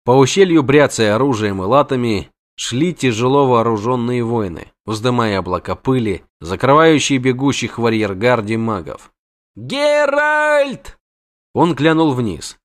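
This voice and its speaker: A man narrating an audiobook at a mid pitch. His reading is steady and measured, carrying the story along without hurry. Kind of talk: scripted narration.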